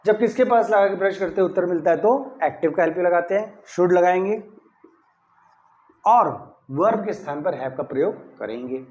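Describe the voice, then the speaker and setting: A man gives a step-by-step grammar lesson, checking in with his students as he goes. His voice sits high, and the recording is somewhat dull and lo-fi. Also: animated, moderate pace, a little mellow. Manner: explains step by step, often asks "clear?"; stresses key words when saying model sentences. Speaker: English grammar teacher. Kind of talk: classroom-style grammar lesson.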